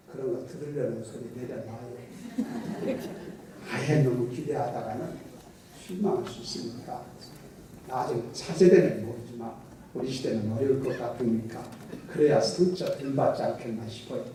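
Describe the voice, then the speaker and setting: A man's voice: mid-range voice, dark tone, a little hiss or hum. A middle-aged male pastor preaching a sermon, telling folksy stories with jokes and dialect impressions. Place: church sanctuary. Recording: distant mic in an echoey church hall.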